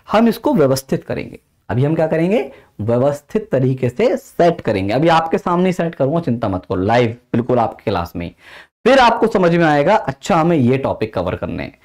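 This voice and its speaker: A man teaching a live online exam-prep class, energetic and coaxing, often pressing students for quick replies. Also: high voice.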